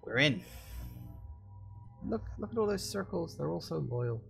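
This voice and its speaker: A man's voice: on the high side, lively intonation, measured pace, vocal fry, a bit bright. A man giving casual video game commentary in an offhand, blunt, mildly sweary way. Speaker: gameplay commentator. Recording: voice over game music.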